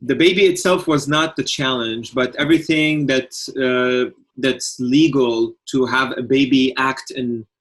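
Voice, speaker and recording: A young adult man from Lebanon, a film director and producer, answering interview questions in a halting way with many pauses. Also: medium pitch, steady tone. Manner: halting, many fillers and restarts.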